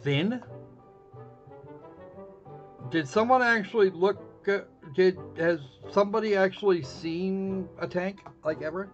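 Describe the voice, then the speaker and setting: A man with a high-sitting voice streams a visual novel, speaking slowly with long pauses and often restarting his sentences. His casual livestream commentary is sarcastic, captured on a dull lo-fi mic with faint game music behind.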